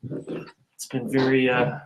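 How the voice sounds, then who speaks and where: A man's voice: mid-range voice, completely flat delivery, a little slow, crowd noise, low-quality recording. A man from a band casually chatting on a studio livestream, laughing often and rambling through restarts. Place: recording studio with drums being tracked.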